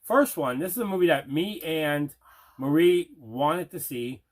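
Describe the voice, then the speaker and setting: Hosting a casual movie collection unboxing show, a man talks with plain, repetitive enthusiasm about the items. His voice is on the high side, with lively intonation and an unhurried pace.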